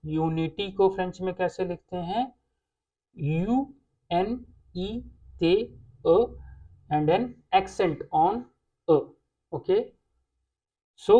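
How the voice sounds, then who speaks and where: A woman teaching a language lesson, explaining patiently and pausing on "okay" between points. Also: on the low side, narrow, tinny audio. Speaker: French teacher.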